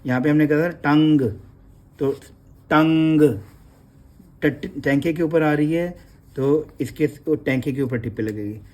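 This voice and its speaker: A man gives a gentle, unhurried script lesson. He takes his time, repeating and drawing out the sounds of the letters. He addresses his listeners respectfully throughout. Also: on the high side. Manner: slow, patient, drawn-out letter sounds, calls listeners sangat ji. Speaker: Gurmukhi teacher. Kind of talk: slow classroom explanation with prayer.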